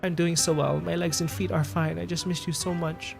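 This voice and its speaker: A woman voicing an elderly mother in a video game who mourns her son, speaking softly and wistfully. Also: on the low side, little pitch movement, a little fast, gravelly, over music. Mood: mournful.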